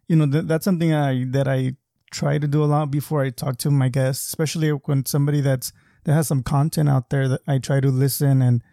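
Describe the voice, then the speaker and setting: A man hosting a podcast, interviewing a guest in a friendly, halting way with many repeated words. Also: mid-range voice, level tone, gravelly, mellow, no room sound, clean studio sound. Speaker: podcast host. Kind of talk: casual interview chat.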